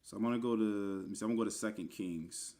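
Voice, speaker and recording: A religious teacher with a low, dark voice speaks quickly during a casual online lesson with screen share. He explains the meanings of scripture words, spelling them letter by letter, calls the listener brother, and fills his talk with fillers and asides.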